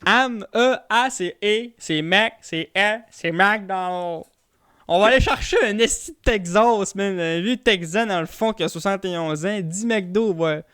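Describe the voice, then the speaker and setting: Young québécois guy on a podcast, high smooth voice, teasing a lot, dry close sound. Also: unhurried, no room sound. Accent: Québécois French. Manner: animated, laughing, teasing. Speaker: podcast co-host. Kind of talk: casual chat.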